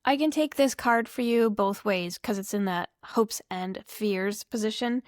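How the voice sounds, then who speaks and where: A woman's voice: medium pitch, measured pace, no room sound, clean studio sound. A woman reading tarot cards to camera in a loose, rambling, apologetic way, full of asides. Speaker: tarot reader.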